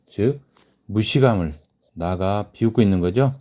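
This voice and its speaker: A man's voice: fairly low pitch, normal speed, mellow. A man teaching a literature lesson, who asks the class questions and then answers them himself. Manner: reads quoted lines aloud in a raised voice. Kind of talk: classroom lecture on a short story.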